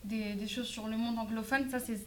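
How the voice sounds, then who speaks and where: Here a teenage schoolgirl with a fairly high voice chats through her answers in a casual interview. She keeps circling back with fillers and restarts as she explains herself. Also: fairly even intonation, fairly quick, a little mellow. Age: teens. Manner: chatty, many fillers and restarts.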